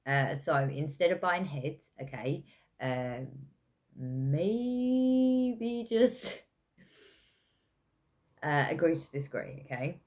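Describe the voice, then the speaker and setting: A woman with a low voice gives a casual pick-a-pile tarot reading. She talks slowly and meanders, full of ums and self-corrections. Her delivery is chatty, with soft laughs. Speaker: tarot reader.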